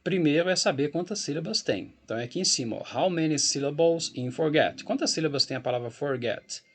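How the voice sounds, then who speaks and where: A man's voice: a little high, fairly quick, slightly rough. A man with a Brazilian Portuguese accent teaching an English grammar lesson, explaining patiently while walking through a website and checking in with the class often. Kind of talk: recorded grammar lesson with screen walkthrough.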